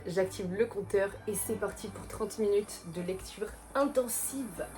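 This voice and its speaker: A young woman vlogging casually, chatty and self-mocking, quick to exclaim. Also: medium pitch. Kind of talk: casual vlog chat.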